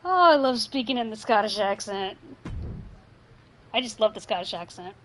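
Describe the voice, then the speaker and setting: A woman's voice: a little high, animated, moderate pace, fairly bright tone, a little hiss or hum, low-quality recording. A woman giving casual, blunt commentary while she plays a video game. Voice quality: chatty, blunt opinions. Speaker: gamer.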